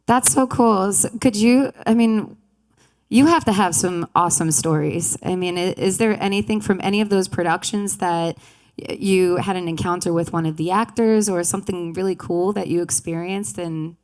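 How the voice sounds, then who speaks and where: A woman's voice: on the low side, normal speed, darkish tone. A woman hosting an interview, asking eager, rambling questions with lots of restarts. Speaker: host. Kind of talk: casual interview chat.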